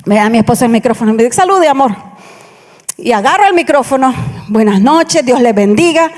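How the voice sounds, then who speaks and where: A woman's voice: on the high side, fast. A woman pastor telling her own story in a sermon, acting out the dialogue as she goes. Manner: animated storytelling, acts out quoted dialogue. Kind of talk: sermon testimony. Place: church hall. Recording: reverberant church hall.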